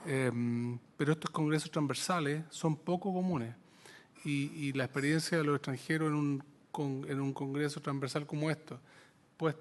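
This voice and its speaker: Man, committee discussion, halting speech, repeated words. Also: on the high side, fairly even intonation. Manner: hesitant, repeats words while searching. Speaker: scientist at a committee session.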